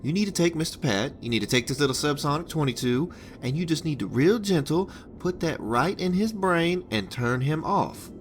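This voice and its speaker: A man's voice: fairly high pitch, animated, normal speed, a little hiss or hum, lightly acted. An actor playing a crude, rambling male hitman boss in a video game, talking in a profane, stammering flow full of restarts. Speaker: game character giving a hitman job.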